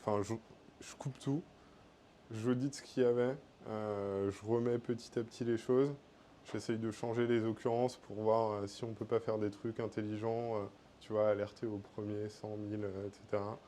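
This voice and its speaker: A French man speaks at a tech meetup in a casual, filler-heavy way. His voice is mellow and relaxed. Faint noise hums in the room behind him. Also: lowish voice, normal speed. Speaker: conference speaker.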